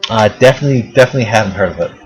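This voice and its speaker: Young male game master, slightly low voice, halting, filler-heavy narration. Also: soft background music, poor audio. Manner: hesitant, many fillers. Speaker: dungeon master.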